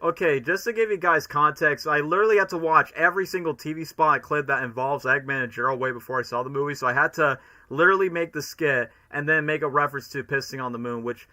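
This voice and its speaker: A man's voice: fairly high pitch, fast talker, few pauses, pushed and bright. A man giving casual, chatty reaction commentary as a streamer. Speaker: streamer, cosplayer.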